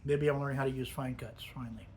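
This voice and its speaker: A man's voice: mid-range voice, little pitch movement, fast talker, background noise. A man giving a casual, musing solo video review, talking with a lip full of dip. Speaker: product reviewer. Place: upstairs in a garage.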